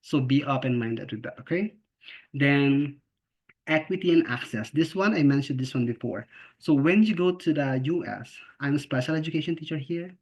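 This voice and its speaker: A man's voice: on the high side, moderate pace, darkish tone. A man from the Philippines with a Filipino accent, a special education teacher giving an earnest, informal talk on a video call, often checking in with "okay?" and "right?". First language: not English. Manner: earnest, repeats and restarts words, asks "okay?" and "right?" often. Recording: slightly dull lo-fi video call audio.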